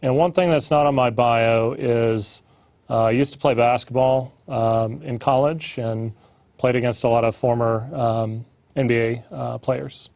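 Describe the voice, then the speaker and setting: A man's voice: medium pitch, fairly even intonation, a little slow, creaky, a little mellow, no echo. Man in his thirties, panelist, dry close sound, friendly, lots of ums. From Massachusetts. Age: 30s. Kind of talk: self-introduction on a panel.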